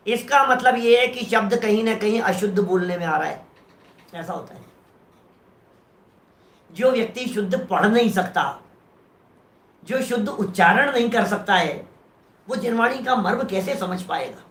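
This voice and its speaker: Slow, bright-voiced male scripture teacher. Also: very high voice, roomy sound. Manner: explanatory, poses rhetorical questions to the audience. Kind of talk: scriptural lecture.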